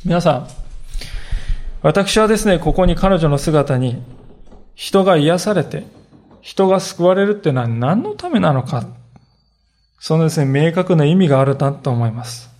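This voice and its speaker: A man preaching a sermon as a pastor, telling the story with earnest, animated delivery. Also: on the high side, moderate pace, long pauses.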